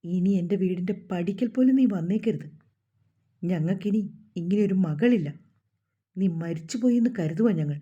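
A woman's voice: mid-range voice, lively intonation, normal speed, pauses often, mellow, breathy edge. A woman voicing a bitter mother who speaks coldly and with finality, in a storybook reading on a dull lo-fi recording. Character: bitter mother disowning her daughter.

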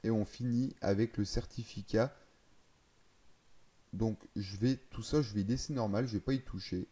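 A man's voice: on the low side, fairly even intonation, normal speed, warm tone. A man casually explaining a game's settings, thinking aloud, hesitating and correcting himself as he goes. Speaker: gaming video creator.

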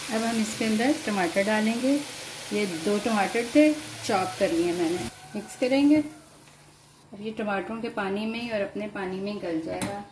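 At the stove in her home kitchen, a woman with an Urdu-influenced Hindustani accent hosts a cooking channel, calmly walking viewers through a recipe step by step and addressing them directly. Her voice is medium in pitch at a normal speed, with background noise behind it.

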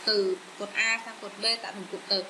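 A woman with a Vietnamese accent teaching English vocabulary, repeating each word slowly with many fillers. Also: mid-range voice, flat delivery, noisy background. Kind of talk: slow bilingual vocabulary lesson.

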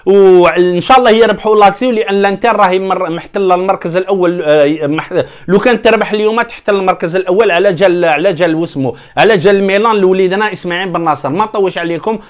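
A man's voice: high voice, rapid-fire, hardly any pauses. A young man with an Algerian Arabic accent, rambling animatedly through a casual football commentary vlog and addressing his viewers as brothers. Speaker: football vlogger.

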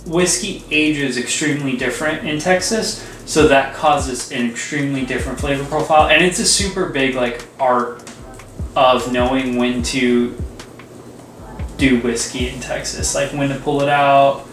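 A man's voice: medium pitch, measured pace, fairly bright tone, slight background noise. A man in his twenties chatting casually and emphatically in slangy bro talk as he co-hosts a review. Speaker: whiskey reviewer, co-host. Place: small room with home bar, indoors. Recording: roomy echo, slightly distant mic.

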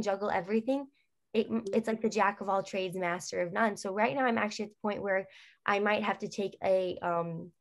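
Chatty young woman on a video call. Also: mid-range voice. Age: young adult. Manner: chatty, earnest, digresses. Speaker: guest singer. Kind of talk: casual video-call interview. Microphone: laptop webcam on video call.

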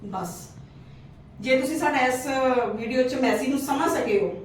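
A woman's voice: high-pitched, animated, moderate pace. A woman acting in a family skit as a hurt sister, then earnestly advising viewers. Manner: pleading, then earnest advice. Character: hurt married sister visiting her brother's home. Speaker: channel host and actor. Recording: echoey room from far off, faint noise.

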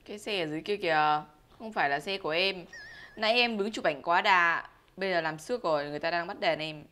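A woman's voice: lowish voice, fast, bright, forceful tone. A young woman acting a sheepish, pleading student in a comedy sketch. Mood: guilty.

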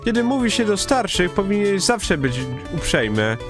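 A hoarse man voicing a cranky, nosy old woman who scolds and bosses people around. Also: sits high, very animated, moderate pace, over music, voice pushed up. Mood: scolding. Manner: scolding, huffy and bossy.

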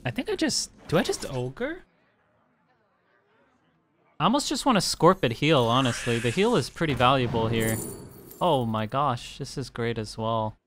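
A man's voice: medium pitch, big pitch swings, moderate pace, long pauses, fairly bright tone, slight background noise. A man streaming a card game, chatting casually and thinking through his moves aloud with plenty of fillers. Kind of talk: casual gameplay commentary.

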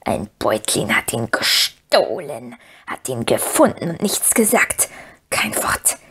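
A woman reading aloud and voicing the hoarse, hissing dark side of a wretched male creature, greedy and scheming as he mutters to himself. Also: a bass voice, sing-song, slow pace, in a whisper, pitched below the performer's own voice, full character voice. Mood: hateful.

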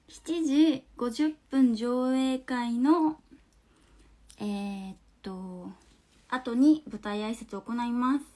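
A young woman in her twenties speaks in a bright, high voice with a Hakata dialect. She chats loosely on a phone livestream, reads out viewer comments, laughs easily, and sometimes sinks into soft, near-whispered asides. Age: 20s. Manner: chatty, laughs often, trails into soft murmurs. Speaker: livestream host. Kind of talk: casual livestream chat reading viewer comments.

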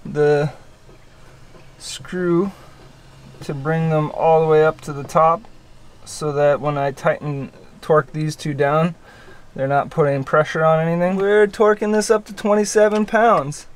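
A man's voice: fairly high pitch, fairly even intonation, a little slow, low-quality recording. A man casually narrating how he rebuilds a boat engine, chatty and self-deprecating, working in a cramped engine bay below deck.

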